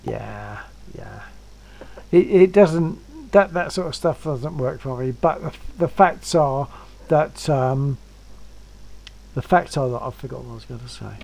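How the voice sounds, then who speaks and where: A man's voice: mid-range voice, expressive, measured pace, creaky, a little mellow, rough recording. A man chatting casually on a livestream, wordy and self-deprecating. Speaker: stream guest.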